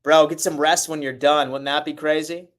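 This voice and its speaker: A man hosting a casual sports livestream, talking to his viewers in a hurried, urgent way. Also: on the high side, little pitch movement.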